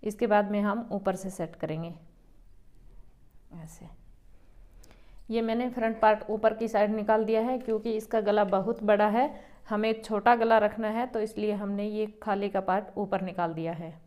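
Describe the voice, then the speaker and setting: A woman who runs a boutique, calmly explaining step by step how to cut a garment as she works. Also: mid-range voice, normal speed, dull audio. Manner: calm, explains each step while working. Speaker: boutique owner teaching tailoring. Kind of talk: step-by-step sewing tutorial.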